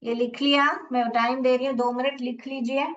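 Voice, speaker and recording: A woman's voice: high-pitched, flat delivery, moderate pace, a bit bright, lo-fi sound. A woman teaching an online phonics lesson, sounding out words syllable by syllable and patiently asking her class questions. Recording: voice a little distant from the mic.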